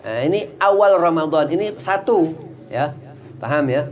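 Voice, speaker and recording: A man's voice: a little high, expressive, moderate pace. A man teaching a religious study class, explaining in a chatty, digressive way with many small fillers.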